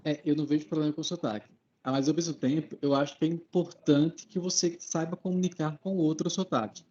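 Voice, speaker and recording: A man's voice: on the high side, steady tone, quick pace, darkish tone, muffled recording, slight background noise. A man from Alagoas, Brazil, with an Alagoas accent, a guest in a casual conversation who explains his views step by step. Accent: Alagoas Brazilian Portuguese, with a drawn-out R.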